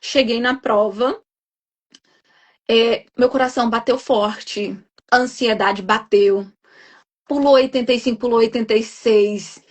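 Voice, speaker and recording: Animated woman telling a story. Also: a little high, measured pace. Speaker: guest nurse. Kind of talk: personal storytelling in a live chat.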